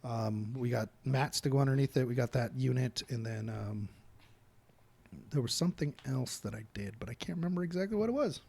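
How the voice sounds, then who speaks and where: A middle-aged father co-hosting a casual family chat, talking in an earnest, meandering way. His voice is gravelly with a husky edge, at a mid pitch. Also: lively intonation, a little fast, darkish tone. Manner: rambling, earnest, restarts often. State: hiccups. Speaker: co-host, father.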